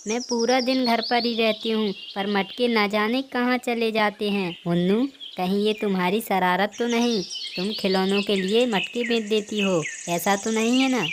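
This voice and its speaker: A woman's voice: medium pitch, steady tone, moderate pace, few pauses, background noise, natural voice. A woman voicing a caring, hardworking mother sparrow in a cartoon. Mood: worried.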